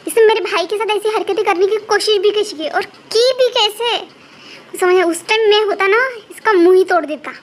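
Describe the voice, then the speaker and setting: A woman voicing a hot-tempered young man who shouts accusations at his brother's teacher. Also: very high voice, normal speed, voice pushed up. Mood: angry. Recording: faint background noise.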